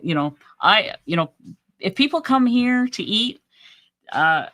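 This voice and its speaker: A woman talks through a relaxed live stream, answering her viewers and cheering them on. Her voice is bright and forceful, a little strained as she loses it. Her sentences are full of restarts and repeated words. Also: deep voice. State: losing her voice. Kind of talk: casual live-stream chat, reading viewer comments.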